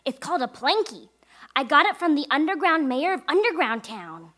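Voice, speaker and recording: A woman voicing a boastful six-year-old boy who tells tall tales, in a deadpan way, in a live comedy radio play. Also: high voice, normal speed. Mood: bragging. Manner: deadpan bragging.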